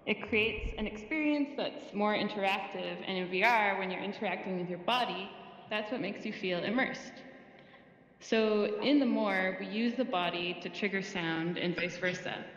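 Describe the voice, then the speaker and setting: A woman sound designer giving a presentation, explaining calmly with the occasional filler. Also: medium pitch, moderate pace, muffled recording, slight background noise. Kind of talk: presentation talk. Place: virtual museum space. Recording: roomy reverberant space with faint ambience.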